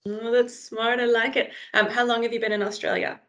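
A woman co-hosting a podcast, asking interview questions with enthusiastic, quick affirmations. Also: fairly high pitch, level tone, fairly bright tone. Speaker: podcast co-host. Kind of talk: casual interview chat.

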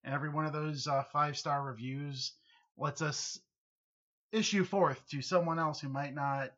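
A man with an American accent and a bright, sharp-edged voice banters on a casual podcast. He is wry and pokes fun at himself. The recording is a little muffled. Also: on the high side, steady tone, moderate pace. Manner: wry, self-deprecating. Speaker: podcast co-host. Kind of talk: casual comedic podcast chat.

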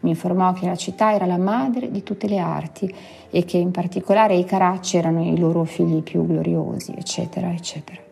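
A woman reading a classic short story aloud, measured and expressive. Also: fairly low pitch, gravelly, slightly rough. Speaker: reader. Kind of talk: literary audiobook reading.

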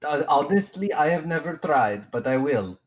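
A woman acting as game master of a tabletop game, narrating in a relaxed way, often laughing and restarting her sentences. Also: sits low, moderate pace.

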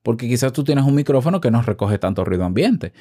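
A man hosts a podcast from a room at home, speaking close to a handheld shotgun mic as he shares casual tips. His mid-range voice is dark, expressive, and quick, and he chats away while asking the listener questions.

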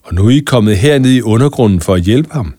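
A man's voice: on the low side, expressive, dark tone, no room sound, clean studio sound. A man voicing a haughty, affected queen of the beasts in a storybook reading. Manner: affected, mocking.

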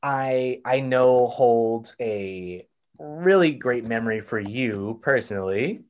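A man's voice: mid-range voice, animated, takes it slowly, muffled recording. A man with a Texan accent, co-hosting a casual podcast chat and rambling with lots of fillers and restarts. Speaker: podcast co-host.

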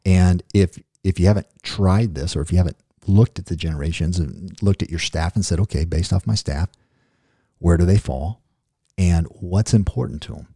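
A man's voice: deep voice, moderate pace, vocal fry, dark tone, husky, no echo, clean studio sound. A middle-aged man hosting a podcast in casual chat, rambling and joking off on tangents. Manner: rambling, jokey, goes off on tangents. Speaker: podcast host.

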